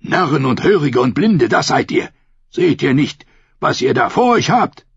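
A man's voice: medium pitch, fairly even intonation, unhurried, no echo, voice pushed up. A man reading an audiobook, voicing a zealous old male priest who speaks sternly and with scorn. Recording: dull lo-fi recording.

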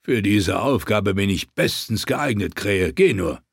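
A man doing a boisterous gruff wildling chief. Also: on the low side, expressive, a little slow, dry recording, studio quality, exaggerated voice. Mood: hearty, teasing.

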